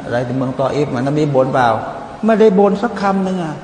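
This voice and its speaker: A man giving a lively Quran commentary sermon, explaining verses, chanting Arabic passages and joking with his listeners. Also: on the high side, quick pace. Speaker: Islamic preacher. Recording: echoey hall with faint background noise.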